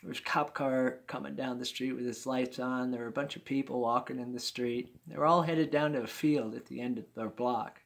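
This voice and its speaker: An older man in his sixties with a gravelly, creaky voice spins a personal tale. He talks in a folksy, easygoing way, with chuckling asides, as a storyteller for his listeners. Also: mid-range voice, fairly even intonation, brisk, hardly any pauses.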